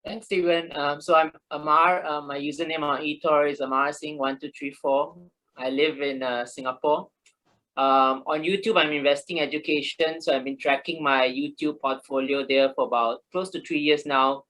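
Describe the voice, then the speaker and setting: A man's voice: on the high side, fairly even intonation, normal speed, bright, forceful tone, low-quality recording. A man introducing himself on a video call with earphones, cheerful and easygoing. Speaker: regular panel guest. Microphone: earphone headset on video call.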